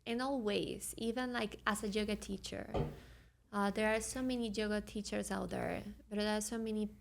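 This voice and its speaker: A woman's voice: mid-range voice, fairly even intonation, moderate pace, creaky, slight background noise. A woman from Venezuela with a Venezuelan Spanish accent, a podcast guest speaking earnestly and searching for words in English. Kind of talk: reflective conversational interview.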